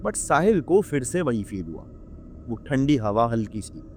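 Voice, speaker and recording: A man's voice: big pitch swings, a little slow, darkish tone, slight background noise. A young man narrating a horror story in dramatic Hindi, acting out the characters' lines with his voice swinging up and down and sprinkling English words into his speech. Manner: acts out characters' lines with rising and dropping pitch. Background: faint background music.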